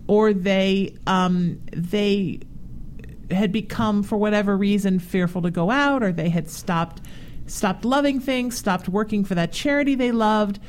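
A woman's voice: medium pitch, a little slow, a little mellow, a little hiss or hum. A woman in her forties hosting a talk show, chatting casually and telling stories with animation. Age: 40s. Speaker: show host.

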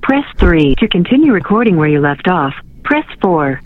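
A high male voice reads automated voicemail prompts with lively rises and falls. The sound is thin and tinny, like a phone line. The instructions are measured and formal. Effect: automated voicemail system prompts over a phone.

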